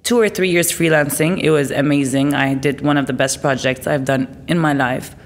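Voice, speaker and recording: A woman's voice: low-pitched, fairly even intonation, moderate pace, creaky. Blunt, playful woman in an echoey room. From Lebanon. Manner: blunt and playful, laughs often. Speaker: podcast guest. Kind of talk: casual interview chat. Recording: echoey room with long reverb.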